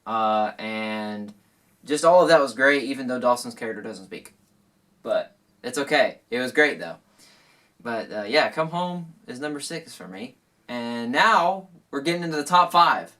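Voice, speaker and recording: A man's voice: medium pitch, lively intonation, unhurried, bright, forceful tone, far from the mic. A young man co-hosting a casual chat, laughing often and full of fillers and restarts. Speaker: co-host.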